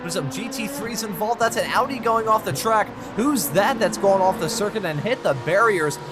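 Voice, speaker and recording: Male motorsport commentator, high voice, dramatic and effusive play-by-play over clearly audible music. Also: expressive, moderate pace.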